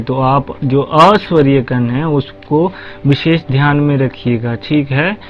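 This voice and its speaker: A man teaching a language lesson, patient and step by step, asking questions and answering them himself. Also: mid-range voice. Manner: patient, repeats "ठीक है", asks and answers his own questions. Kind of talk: slow spoken language lesson. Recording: dull lo-fi recording with faint music.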